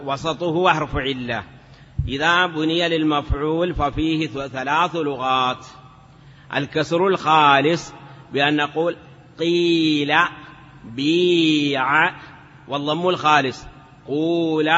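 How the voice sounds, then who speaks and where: A man's voice: a little high, normal speed, pushed and bright, long reverb tail, dull audio. A man teaching Arabic grammar in a patient classroom lecture, repeating examples and chanting some in a sing-song lilt.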